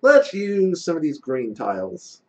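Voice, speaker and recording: A man narrating a casual tabletop game as game master, expressive and conversational. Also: fairly high pitch, a little slow.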